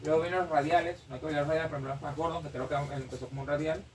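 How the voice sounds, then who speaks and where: Panelist, rapid, self-correcting man, mic far off. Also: fairly high pitch, fairly even intonation, a little hiss or hum. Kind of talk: panel debate. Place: bookstore event.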